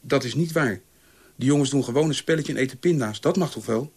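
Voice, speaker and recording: A man's voice: mid-range voice, brisk, breathy edge. A man voicing a weary, strict mother who tries to protect her sons. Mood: soothing. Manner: stern, hushed.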